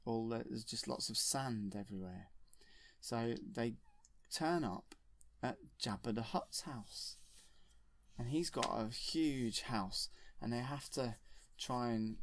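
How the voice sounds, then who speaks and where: A man retells a film in a casual, deadpan ramble, full of ums and simple words. His voice sits mid-range and dry, close to the mic with no room sound. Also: medium pitch, no room sound. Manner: deadpan, childlike plain wording with fillers. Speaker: comedic storyteller.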